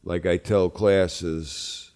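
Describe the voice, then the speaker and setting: A man who teaches wilderness classes recounting a personal spiritual experience, slow and emphatic, rising to loud peaks then sinking low. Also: fairly even intonation, smooth. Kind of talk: spoken personal recollection.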